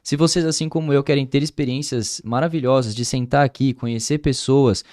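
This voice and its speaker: A man's voice: mid-range voice, a little fast, dry recording, studio quality. Talkative Brazilian man hosting a podcast. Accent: Brazilian Portuguese. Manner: relaxed, talkative, long winding sentences. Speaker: podcast host. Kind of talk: casual interview chat. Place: podcast studio.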